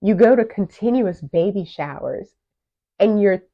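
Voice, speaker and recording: A woman in her thirties, co-hosting a podcast and telling a personal story in a candid, animated way. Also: medium pitch, measured pace. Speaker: podcast co-host. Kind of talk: casual chat. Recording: muffled lo-fi audio.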